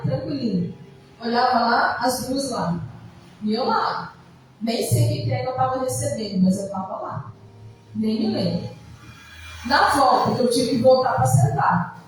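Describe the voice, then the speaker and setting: Brazilian woman pastor, high voice, conversational preaching, heard from far off in an echoey church hall with soft music. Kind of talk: sermon.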